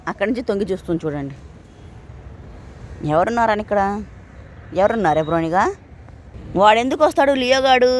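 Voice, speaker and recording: A woman's voice: medium pitch, slight background noise. A woman filming her dog at home, coaxing and scolding it as if it were a child while talking to her viewers. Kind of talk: casual talk to a pet and to viewers.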